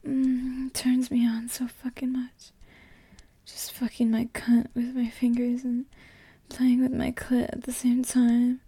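A woman in an intimate, erotic whispered ASMR role-play for one adult listener, breathy and halting, speaking right in the ear. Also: on the high side, completely flat delivery, dark tone, dry recording. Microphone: very close microphone, dry.

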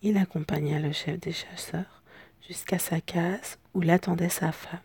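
A woman with a hoarse, cracking voice telling bedtime stories in a soft, unhurried ASMR whisper. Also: fairly low pitch, steady tone, no room sound. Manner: soft, unhurried, gentle pauses. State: voice broken. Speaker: storyteller.

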